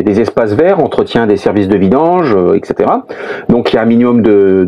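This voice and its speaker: Husky French man, chatty vlog explainer. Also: mid-range voice, dark tone. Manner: chatty, explains step by step, frequent "hein" and "euh" fillers. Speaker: vlogger, father of a motorhome-travelling family. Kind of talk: casual explanatory vlog talk to camera.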